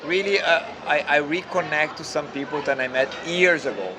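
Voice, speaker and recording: Chatty man with a higher voice outdoors. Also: fairly quick, noisy background. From Brazil. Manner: chatty, loose phrasing with many restarts and "you know". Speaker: interviewer. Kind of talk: casual conversation.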